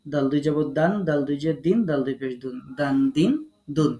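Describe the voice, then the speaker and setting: A man's voice: on the high side, fairly even intonation, fairly quick, dark tone. A man teaching Quran recitation in an online class, calling on students and patiently repeating syllables for them.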